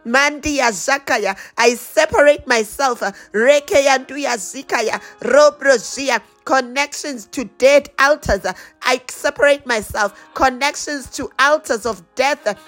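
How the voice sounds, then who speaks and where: High-voiced woman praying in tongues. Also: a bit bright, soft background music. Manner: slow, rhythmic, repeated declarations. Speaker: prayer leader. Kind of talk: fervent spoken prayer with speaking in tongues.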